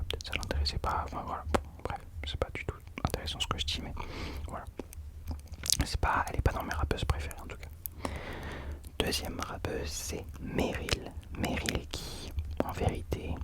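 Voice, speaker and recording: Speaking entirely in a soft, breathy whisper like an ASMR host, a man offers casual, chatty commentary. He hesitates at times and corrects himself in a self-deprecating way.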